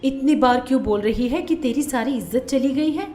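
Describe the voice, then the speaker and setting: A woman's voice: high-pitched, moderate pace, dark tone, lightly acted. A woman voicing a suspicious middle-aged mother-in-law who scolds firmly and mockingly. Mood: consoling. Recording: roomy echo.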